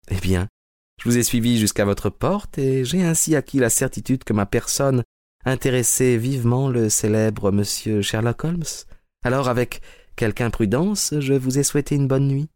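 A man's voice: medium pitch, darkish tone, dry recording, studio quality, natural voice. A man voicing a clever young woman's letter with a poised, self-assured manner in an audiobook reading.

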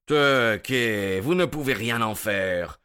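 A cornered aristocrat, impatient and defensive, acted by a man. His pitch swings widely, and he speaks in slow, drawn-out phrases. He fires back with exasperated retorts in a radio drama manner. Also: animated, pushed and bright, clear, resonant tone.

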